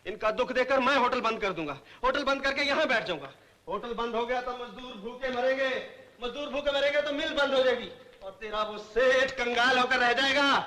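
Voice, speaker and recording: A proud young man who sulks and mocks out of hurt. His voice is high and bright. He talks in old Hindi film style. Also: brisk. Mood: sulky. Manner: sarcastic, sulky. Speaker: hotel keeper, big brother. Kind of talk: 1970s Hindi film acting.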